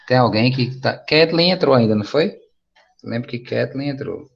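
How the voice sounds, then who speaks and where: A man's voice: mid-range voice, animated, normal speed, vocal fry. A man with a Brazilian Portuguese accent teaching an English class over a video call, patient and encouraging in a casual way. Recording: dull lo-fi online class audio.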